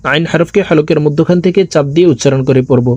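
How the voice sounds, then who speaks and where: A man teaching Quran reading, slowly chanting letter drills and quickly explaining the rules to viewers. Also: a little high, darkish tone. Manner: addresses viewers directly. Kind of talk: recitation lesson, drilling letter sounds.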